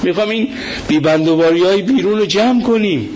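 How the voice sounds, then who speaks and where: A male cleric delivering a fiery religious sermon, impassioned and quoting scripture, rising to shouts. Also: high-pitched. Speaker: cleric preacher. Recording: dull lo-fi sound with faint noise.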